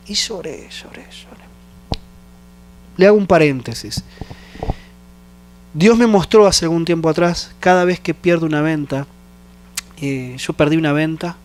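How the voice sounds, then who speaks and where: A man, a pastor, telling a personal story in a sermon and acting out the phone calls in quoted voices. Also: fairly high pitch. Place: church.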